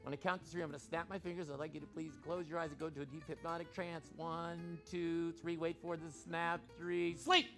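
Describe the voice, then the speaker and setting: A man working as a stage hypnotist in a live show, giving deliberate, commanding countdowns and repeated suggestions. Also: a little high, music in the background. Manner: shouts excited commands to start the action.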